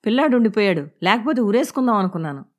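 A wounded young wife in an audio storybook, read by a woman, confronting her husband. Her voice rises sharp and accusing, tight with bitterness. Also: medium pitch, lively intonation, racing, natural voice. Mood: bitter, accusing. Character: wronged young wife and new mother, bitter.

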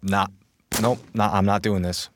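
An actor from the United States playing an easygoing, awkward young American commoner who stammers and hesitates. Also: male voice, lowish voice, fairly even intonation, a little slow, noisy background, close to an everyday voice. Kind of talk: audio drama acting.

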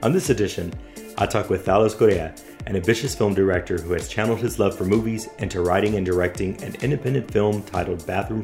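A podcast host with a low, darkish male voice chats casually during an interview. He sounds friendly but hesitant, filling his speech with fillers and frequent restarts.

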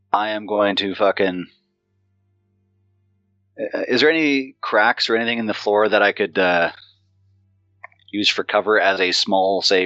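Rambling, cursing man with a low voice. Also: fairly bright tone, dry recording, dull audio. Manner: rambling, swears casually, thinks aloud with restarts. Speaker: player. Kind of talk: casual tabletop game play.

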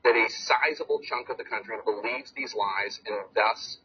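A man anchoring a cable news show, speaking in a brisk, emphatic way. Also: fairly low pitch. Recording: muffled TV audio with hiss.

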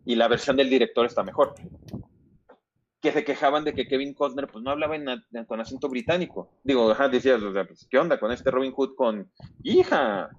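A man's voice: mid-range voice, a little fast, muffled recording. A man with a Mexican accent, rambling and swearing freely as he chats casually about video games. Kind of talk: casual chat.

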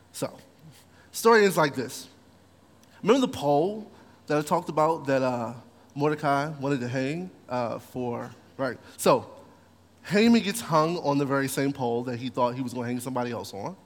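A man preaching a sermon as pastor, retelling a story in an animated way and acting out the characters. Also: medium pitch, moderate pace. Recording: long hall reverb.

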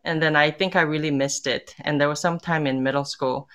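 A woman born in Korea, a tango musician, talking in a casual interview, thoughtful and pausing often with fillers and restarts. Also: sits low, fairly even intonation, a bit bright.

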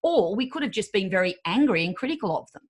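A woman's voice: medium pitch, sing-song, fast talker, husky. A woman in her fifties, a podcast guest giving relationship advice and acting out quoted voices. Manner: acts out quoted voices, emphatic.

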